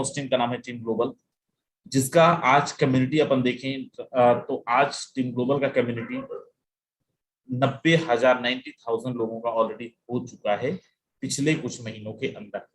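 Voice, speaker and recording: Male webinar presenter, mid-pitched, punchy rhetorical sales delivery, mixes English into his talk. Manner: emphatic, rhetorical questions, mixes English phrases; repeats "my friend" often.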